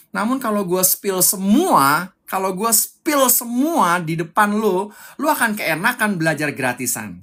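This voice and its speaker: A man's voice: high-pitched, sharp tone. A young man coaching public speaking on a live stream, fiery and emphatic, repeating his key points.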